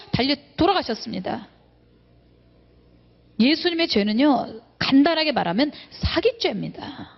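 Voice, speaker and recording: A woman pastor preaching a sermon dramatically, swinging between loud emphasis and hushed asides. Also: high voice, vocal fry, big-room sound. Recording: dull lo-fi sermon recording.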